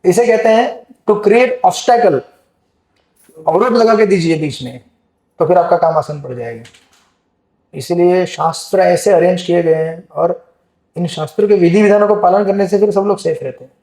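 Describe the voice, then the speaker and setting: A man teaches a scripture class in a chatty, questioning way, with a high voice for a man. His tone is mellow, and the hall gives it a roomy echo. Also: normal speed. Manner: conversational, asks the audience questions. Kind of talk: Gita class lecture. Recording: echoey hall.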